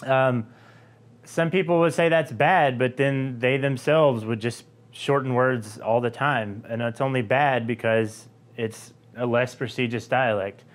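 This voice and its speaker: A young man from Georgia with a light Southern accent, explaining a language topic to camera in a relaxed, conversational way with frequent fillers. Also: medium pitch, unhurried. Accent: Southern US, softened. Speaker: linguistics video host.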